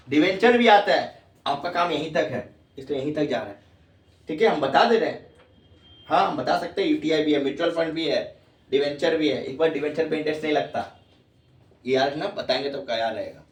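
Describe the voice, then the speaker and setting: Speaking a little fast in a fairly high pitch, a man teaches tax in a classroom. To check understanding, he repeats his questions and addresses the students as "babu." The mic is far away and the room echoes.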